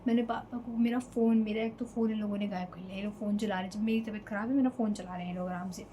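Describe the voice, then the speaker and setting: A woman's voice: mid-range voice, steady tone, rapid-fire, warm tone, slight background noise, low-quality recording. A young woman from Delhi telling an emotional storytime vlog in a casual chatty way, slipping in English fillers. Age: young adult. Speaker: vlogger.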